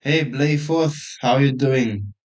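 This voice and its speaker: Here a South African chess streamer speaks slowly in a medium-pitched voice. He reasons through moves aloud and chats casually with his audience, often at his own expense, in relaxed live-stream commentary.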